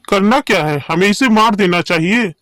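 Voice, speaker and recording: A man's voice: sits high, normal speed, sharp tone, no echo. A man voicing a stern, worried village man in a cartoon story, who speaks in a firm, urging way. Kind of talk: cartoon voice acting.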